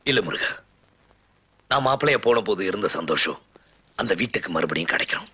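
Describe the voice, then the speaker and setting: A man's voice: on the low side, lively intonation, fairly quick, breathy edge, full character voice. A guilt-ridden young man. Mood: brooding. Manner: earnest, pleading. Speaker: film character. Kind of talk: film drama dialogue. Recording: film soundtrack with loud music.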